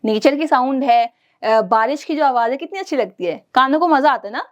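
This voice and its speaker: Woman teacher, high voice, lively kids' lesson, mimics everyday sounds. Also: a little fast, muffled recording. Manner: lively, addresses children directly, imitates everyday sounds. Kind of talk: online class lesson for children.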